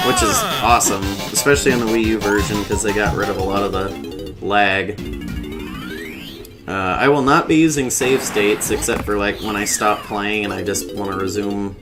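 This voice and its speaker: A man's voice: fairly low pitch, normal speed. Casual male game streamer over prominent music. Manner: informal, explanatory, jokey asides.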